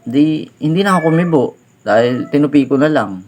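A man's voice: fairly high pitch, lively intonation, brisk, a little mellow, a little hiss or hum. A middle-aged man, a tricycle driver, telling an upsetting personal story in an earnest, shaken way, at times dropping to a near-whisper.

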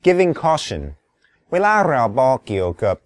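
A man's voice: fairly high pitch, very animated, slow pace, darkish tone, no echo, clean studio sound. A man teaching English, explaining words and pronunciation carefully and politely.

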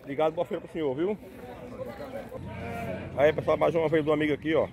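A man talks fast and slightly high while touring livestock pens with a handheld phone. He chats with each seller and echoes the prices back to his audience. Crowd noise and bleating animals fill the background. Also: steady tone, gravelly, muffled recording. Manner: chatty, asks sellers prices and repeats them to viewers. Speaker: vlogger touring a livestock market. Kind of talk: casual on-the-spot market walkthrough. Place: outdoor goat and sheep market pens. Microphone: phone camera held by the speaker. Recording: noisy outdoor market with crowd.

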